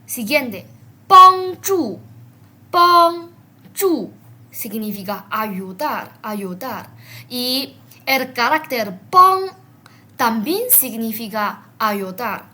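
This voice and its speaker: Slow, bright-voiced woman teaching vocabulary. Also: fairly high pitch, expressive. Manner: explains word by word, repeats and stresses Chinese words. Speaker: Chinese language teacher.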